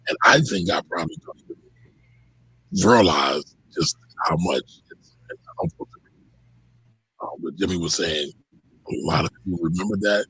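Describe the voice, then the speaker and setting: A co-host talking in a halting, reflective way in a casual online show, his voice muffled as if he were underwater. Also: deep voice, fairly bright tone, breathy edge, no room sound. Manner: halting, reflective, many restarts. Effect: muffled mic sounding underwater.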